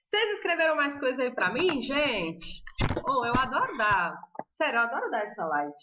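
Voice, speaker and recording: A woman's voice: high-pitched, big pitch swings, moderate pace, heavy background noise. Chatty Brazilian woman teaching live. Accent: Brazilian Portuguese. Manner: chatty, laughs often, reads viewer comments aloud. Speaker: Spanish teacher. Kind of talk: casual live-stream lesson. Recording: roomy, slightly dull live-stream audio.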